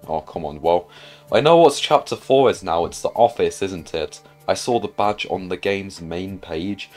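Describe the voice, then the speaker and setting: Hosting a gaming video, this man keeps his pitch low and his pace slow, offering offhand commentary and murmured self-directed questions. Music sits in the background, and the overall feel is slightly mellow.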